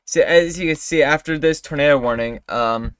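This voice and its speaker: On a live weather forecast stream, a male host chats casually, full of fillers and restarts, his voice still recovering after losing it. His pitch sits on the high side at a normal speed, with a fairly bright, clear, resonant tone and no echo.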